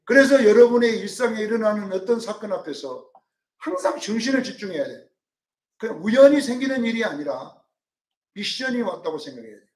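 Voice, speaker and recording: A male pastor preaching a sermon, dramatic, swinging from loud calls to hushed asides and acting out quotes. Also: high-pitched, expressive, fairly quick, far from the mic. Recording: roomy sound from off-mic.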